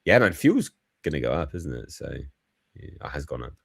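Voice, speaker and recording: A man's voice: rumbling low, big pitch swings, a little fast, creaky, no echo, studio quality. A man co-hosting a casual chat show, laid-back, laughing often and reading viewer comments aloud.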